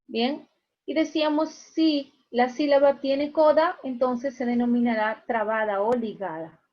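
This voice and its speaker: A woman's voice: sits high, unhurried. A woman teaching an online class, patiently repeating key points and checking in with her students. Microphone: video call. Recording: muffled video-call audio.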